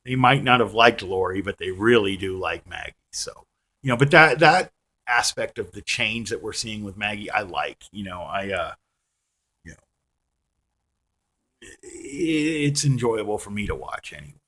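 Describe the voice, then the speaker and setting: A man's voice: fairly low pitch, expressive, moderate pace, sharp tone. A man casually ranting about a TV episode to his viewers, rambling and self-deprecating, with constant "you know"s and restarts. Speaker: vlogger reviewing a TV episode. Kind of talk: casual rant to camera.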